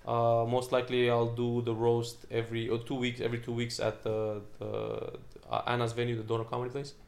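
A man's voice: mid-range voice, completely flat delivery, a little fast, vocal fry, darkish tone. A young British man, a stand-up comedian, chatting casually in a rambling way with lots of fillers and restarts. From Britain. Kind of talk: casual chat.

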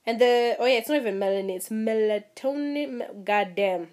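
A young woman from Kenya ranting casually to her viewers, animated and laughing, swearing freely and mimicking people. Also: normal speed. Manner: animated, swearing, mimics others in high voices, laughs at herself. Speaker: vlogger. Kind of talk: casual rant to camera.

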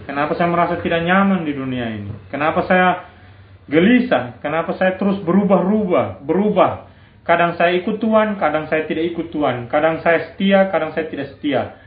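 A man preaching a sermon, asking the congregation rhetorical questions and exhorting them with repeated amens. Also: on the high side. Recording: echoey room, tinny phone-like sound.

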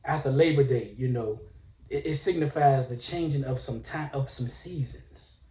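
A man's voice: medium pitch, normal speed, mellow. Rambling man in a roomy space. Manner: rambling, self-aware, filler-heavy. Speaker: podcast host. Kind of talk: casual monologue. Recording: roomy, distant from mic.

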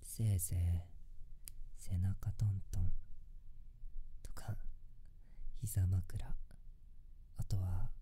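Woman doing a gentle sleep shop attendant, whispered role-play, hushed pillow talk, really dark soft voice. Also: very deep voice, level tone, extremely slow, pauses often, a little hiss or hum, exaggerated voice. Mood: intimate, soothing. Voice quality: breathy, hushed. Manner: intimate, soothing pillow talk.

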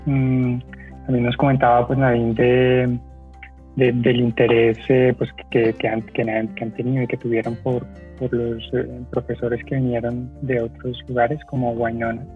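A man moderates a conversation in an even, flat voice, stumbling through restarts and fillers as he hunts for his words. He comes through a thin, phone-like line with faint music underneath. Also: medium pitch. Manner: halting, many fillers and restarts. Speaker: panel moderator.

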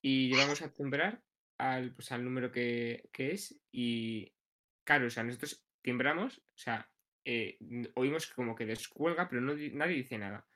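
A man's voice: mid-range voice, moderate pace, sharp tone. A young man co-hosting a casual podcast, telling rambling anecdotes full of fillers and acted-out quotes. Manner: rambling storyteller, many fillers, acts out quotes. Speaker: podcast co-host.

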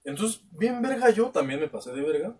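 A young man with a Mexican accent telling a long, animated anecdote in casual chat, swearing freely and acting out both sides of the dialogue. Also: high-pitched, brisk, distant mic, background noise. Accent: Mexican Spanish. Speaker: podcast co-host. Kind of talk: casual storytelling.

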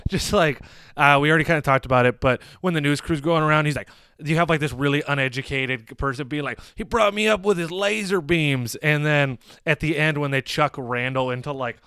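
A man in his twenties co-hosting a casual movie review podcast, rambling with lots of fillers and getting animated when retelling jokes. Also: a little high, clean tone, dry recording, studio quality. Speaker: podcast co-host.

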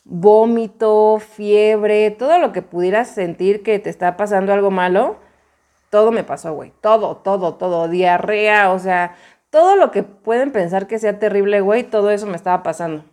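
A woman's voice: medium pitch, normal speed, darkish tone. A young woman with a Mexican accent telling a personal story in a casual, slangy, emphatic way, often repeating herself. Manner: slangy, emphatic, many repetitions.

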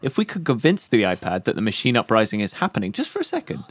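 A man's voice: fairly low pitch, huge pitch swings, fast, no room sound, studio quality. A man riffing wryly in casual comedic banter, laughing often.

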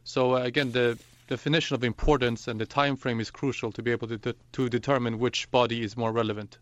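Deliberate man from Iran, dull remote line. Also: medium pitch, steady tone, no echo. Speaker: news editor guest. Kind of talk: panel discussion answers. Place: remote location outside the studio.

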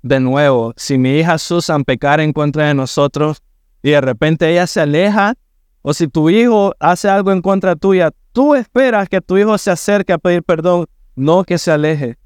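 Earnest, clear-voiced male preacher. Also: fairly high pitch, moderate pace, a little mellow, no echo, clean studio sound. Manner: earnest, rising to emphatic preaching. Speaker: pastor. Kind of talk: sermon.

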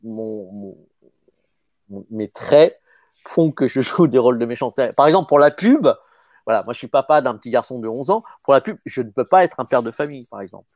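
A man in his fifties, an actor talking casually in an interview, often halting and repeating words. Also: medium pitch, lively intonation, darkish tone, no room sound, clean studio sound. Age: 50s. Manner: halting, stammering repetitions. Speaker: actor guest.

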